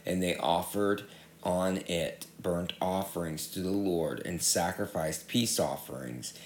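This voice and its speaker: Slow, deep-voiced man reading scripture. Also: echoey room, a little hiss or hum. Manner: measured, steady reading. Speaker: scripture reader. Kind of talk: public Bible reading.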